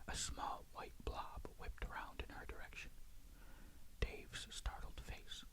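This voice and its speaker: Hushed, suspenseful whispering storyteller. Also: slow. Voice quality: breathy unvoiced whisper. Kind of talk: whispered ASMR reading of a ghost story.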